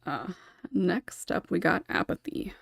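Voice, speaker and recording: Her voice is on the low side, expressive, a little slow and creaky as she hosts a casual podcast panel on an online voice call with an informal, giggly, hesitant manner. Recorded dry and close on her own microphone with noise suppression, the audio has studio quality and no echo.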